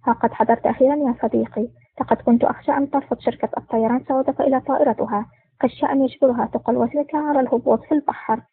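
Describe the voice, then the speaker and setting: A woman's voice: fairly high pitch, fairly even intonation, very fast, vocal fry, slightly rough. A woman reading the lines of a cool, teasing male secret agent hero in a storybook. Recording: tinny phone-like dry recording.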